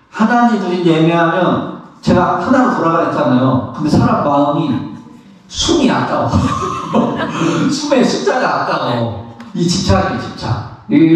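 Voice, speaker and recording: A middle-aged man, a Buddhist monk, giving a lively spoken lesson on meditation, laughing often and acting out how he counts his breaths. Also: a little high. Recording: echoey room, somewhat far from the mic.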